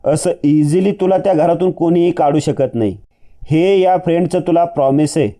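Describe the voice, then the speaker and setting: A man's voice: fairly high pitch, normal speed, warm tone, close to an everyday voice. A man voicing a caring young man who talks earnestly and insistently. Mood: reassuring.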